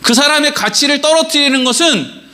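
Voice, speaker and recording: A middle-aged male pastor giving a lively, conversational sermon in a church, full of rhetorical questions and acted-out quotes. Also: very high-pitched, fairly quick. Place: church sanctuary.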